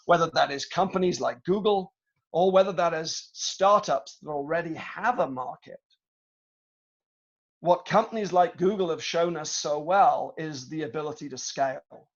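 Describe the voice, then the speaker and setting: A middle-aged British man tells business stories to a student audience, speaking in a measured, reflective way with many small pauses. His voice sits a little high for a man. It comes through a dull, lo-fi video call line. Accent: British English. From Britain. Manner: measured, reflective, with frequent hesitations. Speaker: guest speaker, tech executive. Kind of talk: storytelling talk to students.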